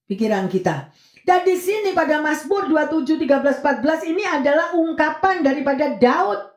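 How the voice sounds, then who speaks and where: A woman pastor giving a sermon in a lively way, often switching her pitch up and down as she acts out voices. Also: roomy sound. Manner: lively, swings between high and low pitch, acts out children and prayers.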